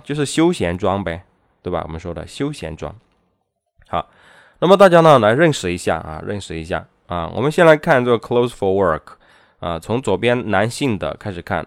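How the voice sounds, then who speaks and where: A lower-voiced man teaching vocabulary at an unhurried pace, repeating each word twice with filler sounds between. His pitch rises and falls a lot. The sound is dry and close. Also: dry recording. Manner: slow and repetitive, saying each word twice with many filler particles. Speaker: English teacher. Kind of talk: vocabulary lesson.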